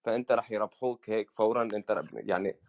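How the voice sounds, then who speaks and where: Very fast-talking man with a Levantine accent. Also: lowish voice, lo-fi sound. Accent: Levantine Arabic. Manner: mixes English words into Arabic. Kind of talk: casual chat about crypto markets.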